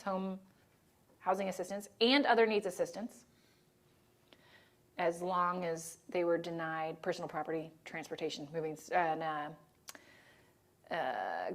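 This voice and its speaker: A woman with a mid-range, fairly bright voice runs a disaster assistance training presentation. She keeps it conversational, checking in with the group as she goes by asking "right?" and "okay?"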